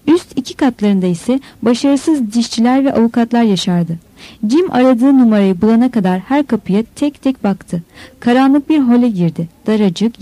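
A woman giving a steady, descriptive audiobook narration. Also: fairly high pitch, dry recording, rough recording. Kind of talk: scripted narration.

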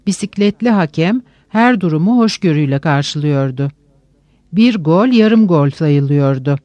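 A man narrating a literary audiobook in a measured, reflective way with slow pauses. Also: a little high, expressive, darkish tone, no room sound, dull audio.

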